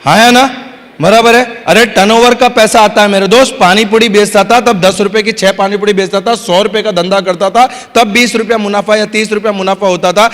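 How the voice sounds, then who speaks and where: Guy doing a motivational seminar, keeps asking the crowd yes or no, funny storyteller, pretty high voice, long hall echo. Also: brisk. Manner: energetic, repeatedly asks the crowd "yes or no"; storytelling with acted-out dialogue and humor. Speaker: motivational business trainer. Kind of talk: motivational seminar talk to a live audience. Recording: hall reverb.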